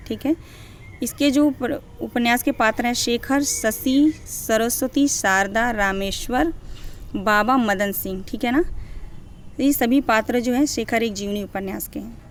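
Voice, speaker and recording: A woman's voice: fairly high pitch, measured pace, slight background noise. A young woman teaching literature for exam preparation. She reads out long lists of character names, checks in with her students, and corrects herself as she goes. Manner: corrects herself mid-list. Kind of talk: exam-prep lecture.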